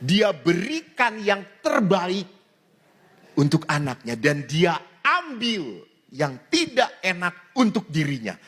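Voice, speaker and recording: A man's voice: high voice, takes it slowly, husky. A man who is a priest, giving a humorous sermon told as a story, laughing often as he speaks. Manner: animated, laughing while telling jokes. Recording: reverberant hall, faint ambience.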